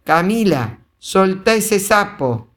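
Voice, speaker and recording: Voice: medium pitch, big pitch swings, slow pace, pitched above the performer's own voice. A storyteller voicing a bossy, exasperated older boy who scolds his little sister. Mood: shouting.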